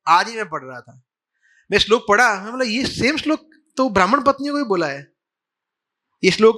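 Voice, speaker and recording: Bright high-voiced male preacher. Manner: reads verses then explains in mixed Hindi and English. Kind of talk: scripture class.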